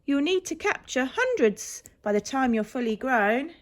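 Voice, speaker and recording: A woman's voice: sits high, big pitch swings, unhurried, voice pushed up. A woman voicing a bossy but encouraging female dragon schoolteacher from a storybook, emphatic and instructive.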